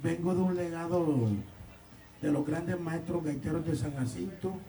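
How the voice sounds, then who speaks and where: Distant, high-voiced man, Colombian Caribbean accent. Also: steady tone, moderate pace, warm tone. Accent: Colombian Caribbean Spanish. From San Juan Nepomuceno, Colombian Caribbean. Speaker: gaita musician and instrument maker. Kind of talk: live explanatory demonstration. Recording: roomy, distant mic with background noise.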